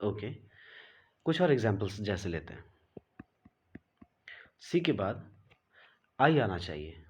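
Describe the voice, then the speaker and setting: A man gives an unhurried pronunciation lesson, drawing words out letter by letter. His voice is fairly low and a little husky, and he leans hard on the sounds he wants learners to copy. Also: sing-song. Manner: mixes Hindi and English, slows down to spell and stress sounds. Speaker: English pronunciation teacher. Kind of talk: explanatory online lesson.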